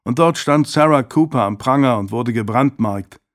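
A man's voice: mid-range voice, normal speed, close to an everyday voice. A man voicing a defiant, sarcastic teenage boy in an audiobook reading. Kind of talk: audiobook character voice.

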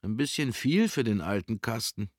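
A man's voice: lowish voice, lively intonation, normal speed, no echo, clean studio sound. A man voicing a grumbling, complaining boatman.

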